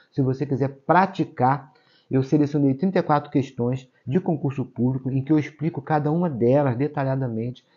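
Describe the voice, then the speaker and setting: A man's voice: medium pitch, darkish tone, slightly rough. A man, teaching a grammar lesson for exam prep, explaining step by step and checking in with tag questions. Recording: dull lo-fi sound.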